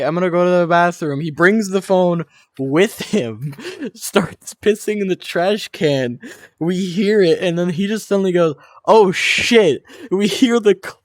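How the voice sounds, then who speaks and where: A man's voice: high-pitched, no echo, clean studio sound. A young man streaming, telling a crude story to his chat with lots of laughter and swearing.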